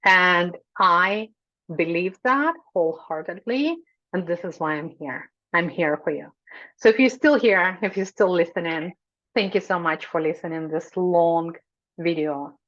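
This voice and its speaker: Earnest woman host, slightly low voice, dull sound. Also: a little slow, a bit bright. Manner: earnest and effusive, repeats phrases, digresses. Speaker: membership host and coach. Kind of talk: heartfelt direct-to-camera talk.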